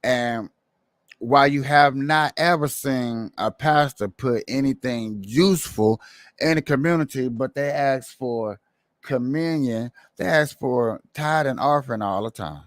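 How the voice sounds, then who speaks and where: A man's voice: medium pitch, measured pace, dry recording. Opinionated man livestreaming, dry close sound. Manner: opinionated, colloquial, repeats phrases for emphasis. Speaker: livestream host. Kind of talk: casual political commentary to viewers.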